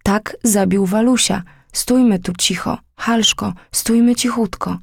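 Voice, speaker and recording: A woman's voice: mid-range voice, a little slow, creaky, slightly rough, no echo, clean studio sound. A woman voicing a serious, protective young boy in whispered role-play in a storybook reading. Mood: hushed. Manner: grave, hushed.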